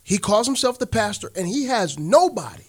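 A man's voice: sits high, very animated, moderate pace. A man speaking emphatically and informally in a casual discussion, in the familiar way of talking to friends.

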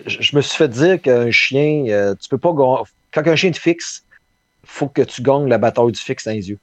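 A man's voice: mid-range voice, animated, normal speed, dry recording. A man with a Quebec French accent chatting casually on a podcast, hesitant and full of fillers. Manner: hesitant, many fillers and restarts. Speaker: podcast co-host. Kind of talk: casual conversation.

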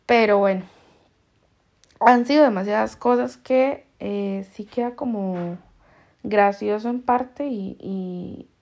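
Casting: Costa Rican woman, chatty podcast host, mellow gravelly voice, quick to laugh. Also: mid-range voice. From Costa Rica. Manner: chatty, laughs often, heavy slang. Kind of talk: casual storytelling chat.

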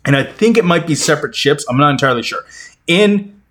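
A man's voice: on the high side, lively intonation, quick pace, fairly bright tone. Male podcast co-host, crude and rambling, casual film talk. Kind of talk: casual movie discussion.

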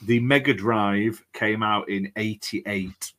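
A man with a low voice runs a guessing game in casual podcast chat. He is dry and teasing, and he gives his hints slowly and deliberately. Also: steady tone, a bit bright. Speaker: quiz master on a podcast.

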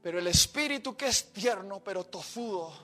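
Guy preaching, high voice, goes soft then loud and fired up, faint music behind. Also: animated, moderate pace. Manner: swings from quiet storytelling to loud impassioned outbursts. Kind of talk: sermon testimony.

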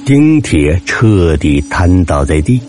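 Deep, animated male storyteller. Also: takes it slowly. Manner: dramatic, animated telling. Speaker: narrator. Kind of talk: scripted suspense storytelling. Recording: soft background music.

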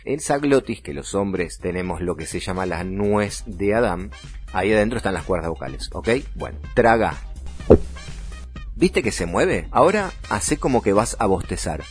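A man with a Rioplatense Argentine accent teaching how to do voice impressions, playful and lively. His voice sits fairly low and swings widely in pitch, with faint music underneath. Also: normal speed. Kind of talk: voice lesson.

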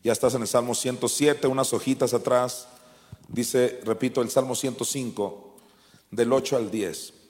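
A man preaching a sermon, swinging from shouted commands down to quiet, low asides. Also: steady tone, moderate pace. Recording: long hall reverb.

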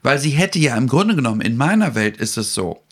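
A man with a mid-pitched voice, holding forth in lively podcast chat. He sounds indignant and theatrical, and he acts out whole exchanges with other people as he goes. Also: a little fast, slightly rough. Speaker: podcast host. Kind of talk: animated casual chat.

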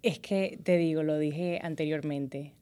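A woman's voice: low-pitched, fairly even intonation, normal speed, mellow, smooth. A woman who works as a TV news anchor, a guest in a casual podcast interview, speaking upbeat and earnest English with Spanish phrases mixed in. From United States.

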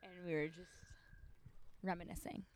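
A young woman co-hosting a casual podcast outdoors by a backyard pool, speaking in a relaxed, trailing way with many fillers. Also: lowish voice, normal speed. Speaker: podcast co-host.

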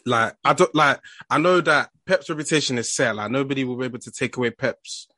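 A man's voice: mid-range voice, brisk, sharp tone, no room sound. A young man with an urban London roadman accent hosting a football podcast in casual, slangy chat. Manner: slangy street talk.

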